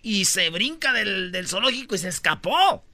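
A man with a Mexican Spanish accent hosting a comedy podcast, telling joking stories and shouting out quotes in put-on high voices. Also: very animated, moderate pace. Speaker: podcast host. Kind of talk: joking storytelling chat.

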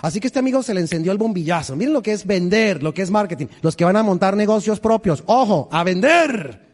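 Animated pastor, reverberant church. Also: male voice, high voice, fast. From Colombia. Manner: animated, humorous, quizzes the congregation. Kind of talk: storytelling sermon. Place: large church in Houston.

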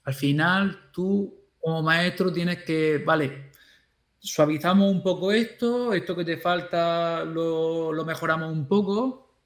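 A man who teaches school, talking casually with an animated way of acting out what he says to his pupils. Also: on the high side, slow, echoey room. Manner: animated, acts out quoted speech to pupils. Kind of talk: casual conversation.

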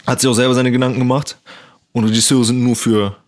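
A man's voice: medium pitch, little pitch movement, fast talker. A man chatting casually in a loose, slangy way and asking his guest about acting work. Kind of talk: casual chat.

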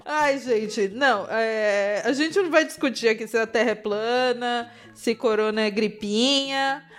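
Brazilian woman cohost, bubbly and giggly, voice jumps way up a lot, kinda high. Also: takes it slowly, long pauses, soft background music. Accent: Brazilian Portuguese. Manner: bubbly, laughs often, lively swings in pitch. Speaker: podcast co-host. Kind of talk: casual podcast chat.

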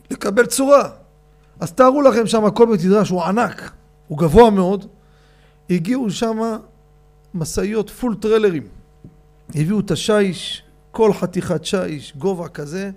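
A man giving a rabbi's storytelling sermon, animated and addressing his audience directly. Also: sits high.

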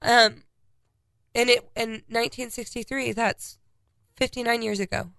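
A woman's voice: fairly high pitch, fairly even intonation, a little slow, vocal fry, a bit bright, dry recording. A congested woman co-hosting a casual podcast, reading out a timeline of historical dates. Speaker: podcast co-host.

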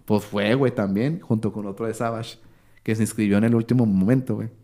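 A Mexican Spanish-accented sports commentator in his thirties guests on a podcast, telling a story in a casual, slangy, animated way and acting out what others said. His voice is on the low side and a little fast.

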